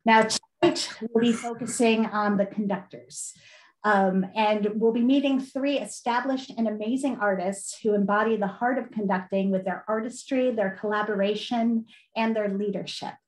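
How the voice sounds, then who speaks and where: A woman's voice: medium pitch, fairly even intonation, moderate pace. Woman opening an online event in a roomy space. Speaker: event host. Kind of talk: scripted welcome.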